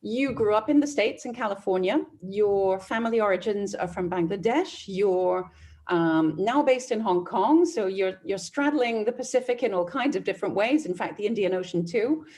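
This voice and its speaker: A woman hosting a podcast interview, asking questions and reflecting in a measured way. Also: medium pitch, darkish tone.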